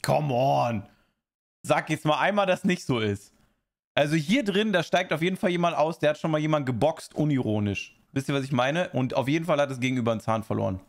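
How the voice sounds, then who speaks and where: A man's voice: on the high side, lively intonation, brisk. A man streaming live, chatting casually while reacting to a video and answering viewer chat in rambling asides.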